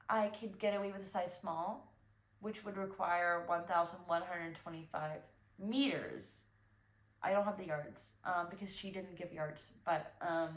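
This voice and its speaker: Young woman host, casual rambly chat, mid pitch, echoey room at home. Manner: chatty, rambling, self-correcting with fillers. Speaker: knitting podcast host.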